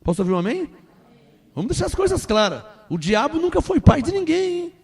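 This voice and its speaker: A pastor preaches with force and emphasis. His voice is very high for a man. He keeps pressing his listeners with pointed questions. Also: sing-song, fairly quick, vocal fry. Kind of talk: sermon.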